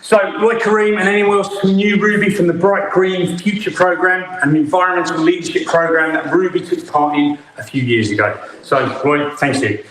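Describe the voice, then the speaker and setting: A man's voice: sits high, steady tone, normal speed, few pauses, fairly bright tone, heavy reverb, slight background noise, low-quality recording. A man, a head chef, chatting his way through a live cooking demonstration as he plates up food in a kitchen. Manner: chatty, talks while plating food. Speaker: head chef hosting a cookalong.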